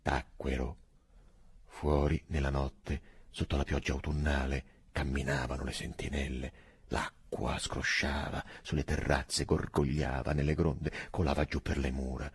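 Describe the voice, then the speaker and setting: Male audiobook narrator, low and husky, expressive. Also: no room sound. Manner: measured, expressive storytelling. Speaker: audiobook reader.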